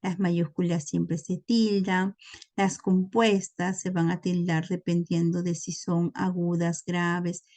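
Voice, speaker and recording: A woman's voice: on the low side, flat delivery, slow, warm tone. A woman teaching a recorded lesson, explaining patiently and often checking in with her listeners. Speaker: language teacher.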